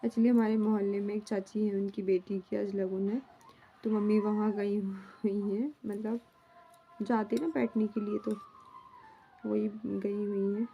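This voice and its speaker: A young woman, a mother, chatting casually to her vlog audience at home in a rambling, homely way, often filling pauses as she talks. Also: medium pitch, flat delivery, creaky, lo-fi sound, soft background music. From India. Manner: rambling and homely, fills with "matlab".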